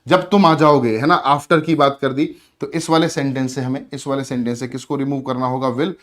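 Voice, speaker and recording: A man's voice: medium pitch, steady tone, moderate pace. A man teaching English grammar for exams. He asks his own questions, answers them step by step, and calls his students friends. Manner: addresses students as friends and brother. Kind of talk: exam-prep grammar lesson.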